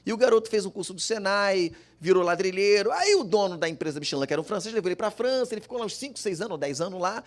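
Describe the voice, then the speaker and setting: This Brazilian man talks at a quick clip with a high, expressive voice and barely pauses. He's sharing a heartfelt testimony as a father before a public forum, voicing his relatives as the story unfolds.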